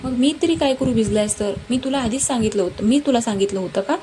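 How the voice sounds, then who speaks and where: Woman doing a stubborn young woman, sharp scolding tone, bit higher, noisy hiss behind. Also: fast talker, natural voice.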